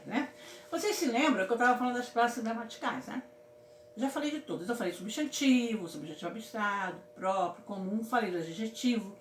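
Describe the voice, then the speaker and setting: A woman's voice: on the high side, slight background noise. A woman teaching a casual grammar lesson, from Brazil, affectionately calling her students "my loves" and checking in with them often. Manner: affectionate, repeats "certo, meus amores?". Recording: echoey room with faint ambience.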